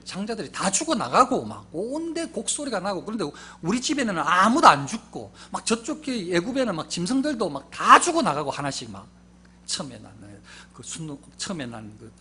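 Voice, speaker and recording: A man preaching a sermon as pastor, swinging from loud emphatic peaks to low hushed asides in a husky voice. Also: a little hiss or hum.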